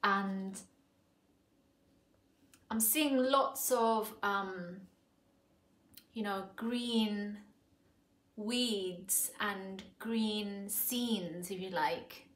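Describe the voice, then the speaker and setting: Very slow and pausing often, a Thai woman in her forties reviews a perfume on her living-room sofa in a mid-range, fairly bright voice. She thinks aloud casually, with frequent fillers and restarts. The echoey recording comes from a camera right in front of her.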